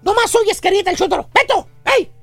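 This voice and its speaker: A radio comedian with a Mexican accent, voicing a shrill gossip who mocks a bossy, lazy man with a string of insults. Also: expressive, fairly quick, creaky, fairly bright tone, faint music behind, exaggerated voice. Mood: mocking. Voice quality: very high squeaky voice. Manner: scornful, piles up insults, ends lines with güey. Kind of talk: comic radio rant.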